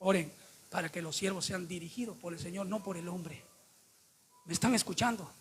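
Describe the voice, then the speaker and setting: A man's voice: high voice, brisk, a little hiss or hum. A man preaching a sermon to his congregation, emphatic and full of rhetorical questions put to the listeners.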